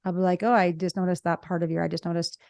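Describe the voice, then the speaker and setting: A middle-aged woman, a relationship psychologist, talking fast and telling animated stories in a casual conversation. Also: fairly low pitch, dry recording, studio quality. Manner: fast talker, animated storytelling. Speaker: podcast co-host, relationship psychologist.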